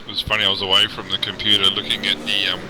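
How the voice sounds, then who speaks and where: A man, a racing driver, chatting in lively, joking, rambling fashion on a commentary call. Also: deep voice, rapid-fire, noisy background. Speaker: race driver joining commentary.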